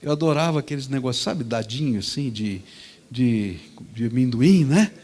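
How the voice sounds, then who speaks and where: A man preaching in a church, telling a story vividly and swinging between loud and soft. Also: mid-range voice, animated, normal speed. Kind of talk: storytelling sermon.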